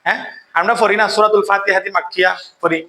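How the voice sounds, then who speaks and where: A man's voice: sits high, steady tone, bright, forceful tone, echoey room, low-quality recording. A man teaching a Quran recitation lesson who quizzes his students and keeps checking that they follow. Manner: quizzes students, often asks "কেমন?" to check understanding; chants verses slowly when demonstrating recitation. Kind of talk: classroom tajweed lesson.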